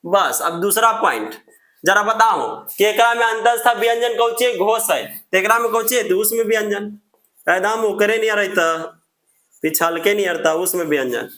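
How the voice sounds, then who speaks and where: Bright-voiced man teaching grammar in an echoey room. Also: sits high, moderate pace. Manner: answers his own questions in a student's voice; repeats and drills the terms. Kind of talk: grammar lesson.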